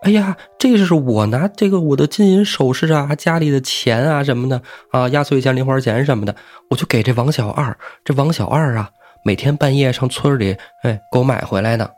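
A man's voice: medium pitch, fairly quick, few pauses, a little mellow, voice pushed up, natural voice. A man voicing a terrified young woman who pleads frantically and stammers. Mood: panicked pleading.

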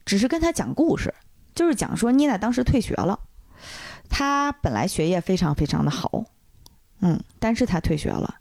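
A woman podcast host in casual chat, retelling a film plot with animated storytelling and briefly acting out the characters' lines. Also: mid-range voice, moderate pace, vocal fry, no echo, studio quality.

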